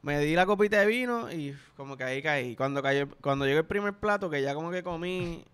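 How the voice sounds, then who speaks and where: Young puerto rican man, slightly high smooth voice, casual profane storytelling. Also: expressive, a little fast, a bit bright. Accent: Puerto Rican Spanish. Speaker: podcast host. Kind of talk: casual chat.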